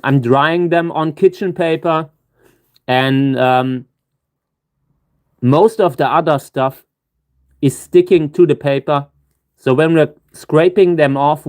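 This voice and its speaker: A man chatting casually as a livestream host, halting and restarting words, his tongue numb from hot chili so that talking is a struggle. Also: a little high, darkish tone, dry recording, studio quality. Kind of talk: casual rambling gardening livestream.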